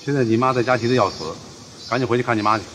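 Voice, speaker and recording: A man's voice: medium pitch, noisy background, natural voice. An actor playing a stern, hot-tempered uncle who scolds a boy in a TV family drama. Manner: scolding, loud and fast. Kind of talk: TV period family drama acting.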